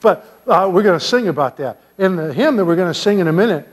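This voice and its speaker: An older man, a pastor giving a children's sermon in a church sanctuary, gently and playfully asking the kids questions. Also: sits high, animated, fast. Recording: long church reverb.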